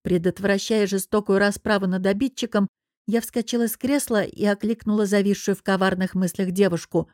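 A woman's voice: medium pitch, steady tone, fairly quick, a little mellow, no echo, studio quality. Wry woman narrating an audiobook. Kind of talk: first-person audiobook narration.

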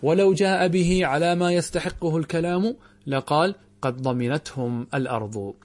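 A man teaching a grammar lesson, reciting quoted verses slowly and drawn out, and questioning his students rhetorically. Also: fairly high pitch, darkish tone. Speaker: Islamic scholar teaching grammar.

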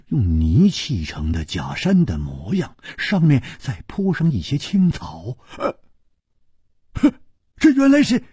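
一位男性说书人，生动地演播武侠小说。. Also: male voice, medium pitch, husky, no room sound, clean studio sound. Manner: expressive, vivid, lively. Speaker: storyteller. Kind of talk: Chinese novel storytelling narration.

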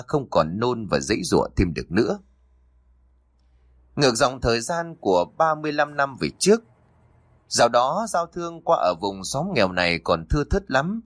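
A man's voice: on the low side, no room sound, studio quality. A man narrating a grim horror story with dramatic storytelling.

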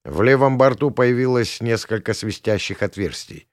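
A man reading a first-person audiobook in a gruff, colloquial way. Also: medium pitch, normal speed, no echo, studio quality. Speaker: audiobook narrator.

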